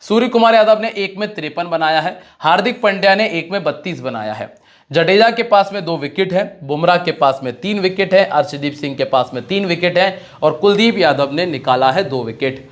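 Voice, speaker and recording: A man with a fairly high voice talks straight to his viewers in a loose, chatty way. He runs through scores and player stats one after another, mixing in his own opinions. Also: expressive, moderate pace. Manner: chatty, direct address to viewers, rattling off stats. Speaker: fantasy cricket predictor. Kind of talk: casual cricket prediction talk.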